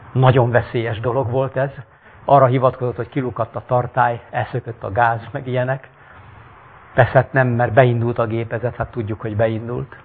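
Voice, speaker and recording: A man giving a talk and reading a dramatic story aloud, earnest and emphatic. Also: medium pitch. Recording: tinny phone-like sound.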